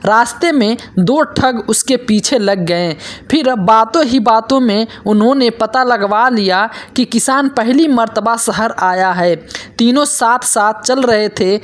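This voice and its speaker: A woman reading a folk tale aloud in a steady, plain storytelling manner. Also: a little high. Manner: steady, plain reading with quoted dialogue read in. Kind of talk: scripted story narration.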